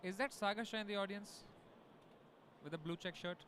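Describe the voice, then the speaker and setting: High-voiced Indian man commentating on chess. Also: a little fast, a bit bright, slight background noise. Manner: conversational, explanatory. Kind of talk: live casual sports commentary.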